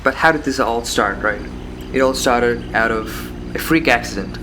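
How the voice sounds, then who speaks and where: Musing man over noisy cricket ambience. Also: mid-range voice. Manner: musing, halting, rhetorical questions and repeated phrases. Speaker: solo host of a philosophical talk. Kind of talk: rambling philosophical monologue. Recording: background noise with insect and cricket sounds.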